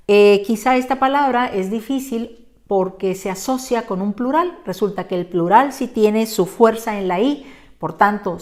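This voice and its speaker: A woman teacher giving a patient, clearly explained online lesson and speaking directly to the viewer. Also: medium pitch, a little mellow. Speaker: Spanish teacher. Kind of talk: online lesson on pronunciation and spelling.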